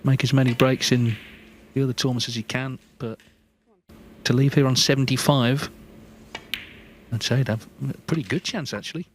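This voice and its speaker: A man giving live snooker commentary in a measured, conversational, analytical way. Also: medium pitch, fairly even intonation, slight background noise.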